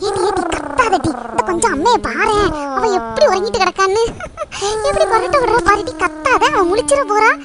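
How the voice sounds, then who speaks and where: Woman plays cartoon elder sister, Tirunelveli Tamil, shrill and quick. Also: lively intonation, very noisy. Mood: excited. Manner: chattering, teasing, hushed whispering. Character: bossy excitable young girl, elder sister. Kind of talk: cartoon voice acting.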